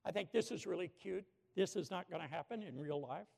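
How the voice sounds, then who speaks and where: Guy preaching in a big echoey church, high voice w/ a lot of fry, goes quiet then yells. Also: fairly quick. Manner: animated storytelling, swinging from hushed to shouting. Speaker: pastor. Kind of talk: sermon. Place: church sanctuary with a balcony. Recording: long hall reverb from a church.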